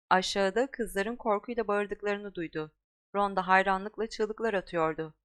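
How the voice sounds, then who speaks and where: A woman's voice: medium pitch, clear, resonant tone. A woman reading an audiobook as a narrator, telling the story expressively. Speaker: audiobook reader.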